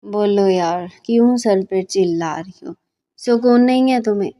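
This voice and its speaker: A woman's voice: medium pitch, unhurried, warm tone, lightly acted. A woman voicing a grumpy sleepy young man. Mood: grumbling. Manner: grumbling, mocking insults. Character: young male student, sleepy and teasing.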